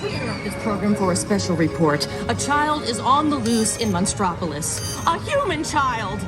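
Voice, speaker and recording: A woman's voice: a little high, sing-song, moderate pace. A woman voicing a female news anchor who urgently interrupts a program with an emergency bulletin, heard from speakers. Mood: alarmed. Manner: urgent, announcing. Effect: emergency bulletin breaking into a program, played over ride speakers. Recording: distant speaker audio over music.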